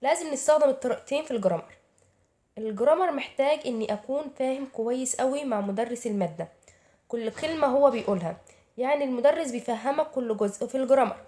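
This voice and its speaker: A YouTuber with an Egyptian Arabic accent shares casual study tips with her viewers, her voice high, quick, and mellow. She keeps it chatty, posing rhetorical questions and answering them herself.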